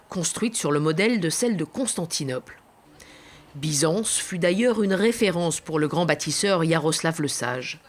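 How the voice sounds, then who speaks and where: Low-voiced woman narrating a travel report. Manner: measured, descriptive voice-over. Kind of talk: scripted documentary narration. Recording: studio voice-over with light music.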